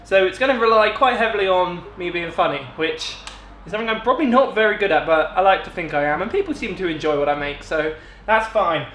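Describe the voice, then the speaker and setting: A young British man with a slightly high voice talks in a casual, chatty vlog style. He explains things informally, and the room around him is very echoey, picked up by an on-camera mic. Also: expressive, fast, a bit bright, a little hiss or hum. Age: 20s. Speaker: gaming video creator. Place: echoey room in parents' house. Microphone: on-camera shotgun mic.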